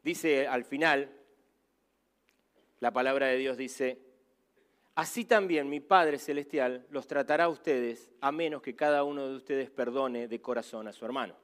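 A man in his fifties, a pastor with a Rioplatense Spanish accent, preaching a sermon and telling stories in an animated way, acting out voices. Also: mid-range voice, measured pace. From Argentina. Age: 50s. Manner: animated storytelling, acts out voices.

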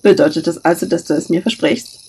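Woman voicing a pouty chatterbox teen boy, whiny, insistent, higher and gravelly, a bit husky, storybook reading. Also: fairly even intonation, quick pace, dark tone. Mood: indignant. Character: pouty talkative blond teenage boy.

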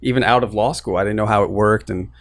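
Speaking fast in a lowish voice with fairly even intonation, a young Queens, New York native appears as an interview guest. The lending business co-founder casually recounts starting his company, self-deprecating and relaxed, with plenty of restarts.

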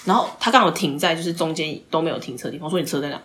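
Young woman, casual podcast storytelling, rapid delivery, lowish voice. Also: slight background noise. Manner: animated, swears casually, drops into whispered asides. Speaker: podcast host.

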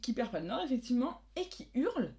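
A woman's voice: a little high, fast talker. A young woman co-hosting a casual podcast, telling a story expressively and acting out quotes. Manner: expressive, acts out quoted voices. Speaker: podcast co-host.

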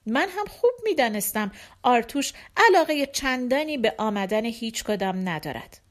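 A woman narrating an audiobook in a lively, expressive way. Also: on the high side.

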